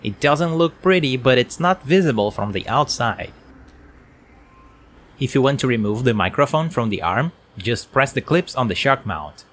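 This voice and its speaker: A man's voice: mid-range voice, animated, normal speed. A man giving a plain, explanatory product review at his home work desk, speaking into a desk mic on an arm. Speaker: tech reviewer.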